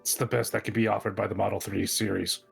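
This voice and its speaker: A man plays an ancient robot in a tabletop game. The voice is low and full of gravelly creak, delivered in a deadpan monotone. Every phrase is formal and literal, dryly satirical. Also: fast talker, faint music behind. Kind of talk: in-character tabletop role-play.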